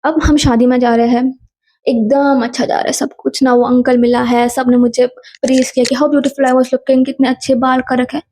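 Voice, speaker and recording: A young woman telling a personal story in a lively casual vlog, mixing Hindi and English. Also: sits high, normal speed. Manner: animated, mixes Hindi and English, quotes people in dialogue.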